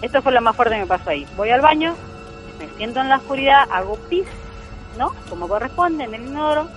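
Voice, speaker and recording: Woman, Argentine accent, very high voice, earnest storyteller, repeats herself for emphasis. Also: animated, fast, soft background music, poor audio. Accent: Argentine Spanish. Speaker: guest. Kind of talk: telling a true ghost story.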